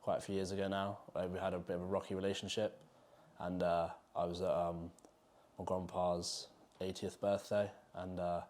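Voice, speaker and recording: A man's voice: sits low, little pitch movement, normal speed, darkish tone. A man in his twenties speaking hesitantly in an interview. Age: 20s. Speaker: student volleyball player. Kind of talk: personal interview testimony.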